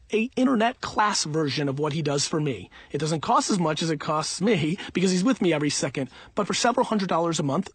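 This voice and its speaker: An audiobook author of about forty answers listener questions in an off-the-cuff monologue, offering blunt, emphatic, informal advice. His voice is a little high and husky, with no room sound.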